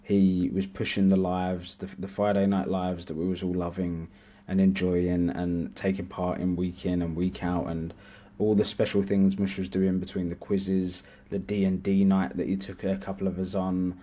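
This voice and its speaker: A man's voice: sits low, flat delivery, moderate pace, dark tone. A young man co-hosting a casual podcast, speaking earnestly and reflectively. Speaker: podcast co-host.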